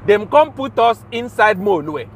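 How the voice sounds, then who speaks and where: A man from Nigeria with a Nigerian accent, hosting a show with an informal Pidgin rant in a halting, repetitive, emphatic manner. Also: high voice, sing-song. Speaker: show host.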